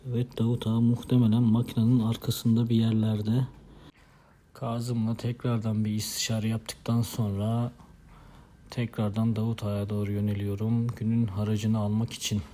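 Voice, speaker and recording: A man narrating his day as a motovlogger in a wry, deadpan, storytelling way with folksy turns of phrase. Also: on the low side, normal speed. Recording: steady background noise.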